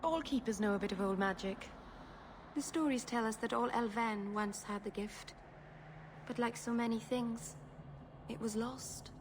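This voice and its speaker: A woman's voice: fairly high pitch, a little slow, noisy background, close to an everyday voice. An actress playing a shy, earnest young elf woman, a mage who speaks hesitantly and apologetically in video game dialogue. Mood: solemn, earnest.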